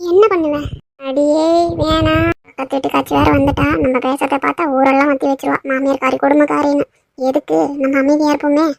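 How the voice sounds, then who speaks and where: A woman voicing a sharp-tongued scheming mother-in-law. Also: high-pitched, level tone, brisk, creaky. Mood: wheedling. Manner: scolding, nagging.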